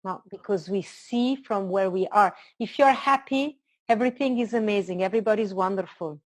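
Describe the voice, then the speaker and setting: A woman from Italy, speaking with an Italian accent in a middle register at medium pitch and moderate pace, is interviewed as a spiritual teacher. Earnest and expansive, she builds each idea phrase by phrase.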